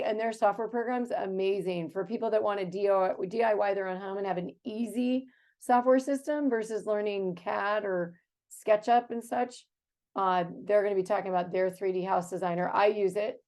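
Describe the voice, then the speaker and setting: A woman's voice: medium pitch, fairly even intonation, moderate pace, darkish tone. A woman in her fifties from the United States, hosting a casual video chat in a chatty, enthusiastic way. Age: 50s. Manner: chatty and enthusiastic, with fillers and laughs. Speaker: host.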